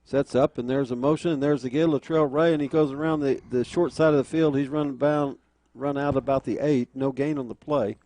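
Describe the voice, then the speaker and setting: A man's voice: mid-range voice, steady tone, fairly quick, dark tone, no echo, rough recording. An American man calling a football game live as the play-by-play announcer. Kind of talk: live play-by-play sports commentary.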